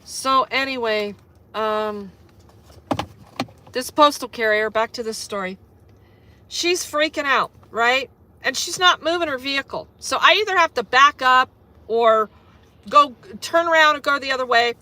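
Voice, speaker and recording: A woman telling a story in a casual vlog, swearing freely and retelling a run-in with lively energy. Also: sits high, measured pace, pauses often, a little hiss or hum. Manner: profane, animated retelling. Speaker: vlogger.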